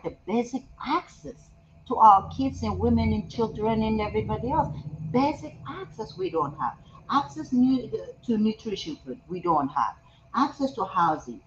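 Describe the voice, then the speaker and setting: A woman from Ethiopia, talking passionately and emphatically in a casual conversation. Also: a little high. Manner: passionate, emphatic, frequent agreeing yeahs. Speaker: host. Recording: dull lo-fi sound with faint background noise.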